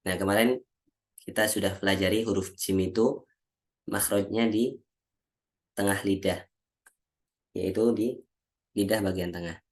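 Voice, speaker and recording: This is a male teacher of Quran recitation, speaking at a fairly low pitch during a video-call lesson on pronouncing Arabic letters. He is slow and patient, saying every syllable aloud one by one as a drill, and he frequently clears his throat.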